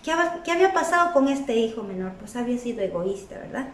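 A woman's voice: fairly high pitch, expressive, quick pace. A woman teaching at a children's club, telling a Bible story and often asking the children questions. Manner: asks the children frequent questions. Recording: echoey room, voice from a distance.

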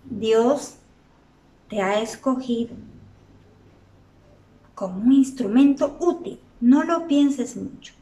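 Woman playing a slow, calm angel. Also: on the high side, distant mic. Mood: reassuring. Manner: slow, measured, reassuring. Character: calm male angel messenger, firm and kind. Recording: roomy echo, from off the mic.

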